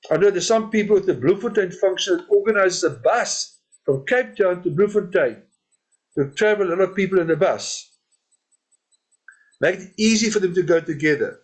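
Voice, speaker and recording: A man with a high-pitched voice leads an informal training session. He keeps his points simple and repeats them, with a little laugh at his own jokes now and then. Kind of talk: training talk on network marketing events.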